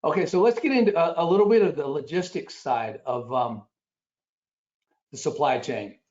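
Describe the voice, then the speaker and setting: A man with a raspy voice giving a conference presentation, pausing often with fillers as he reads statistics off his slides. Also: on the high side, a little mellow. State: raspy after illness. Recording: dull lo-fi recording.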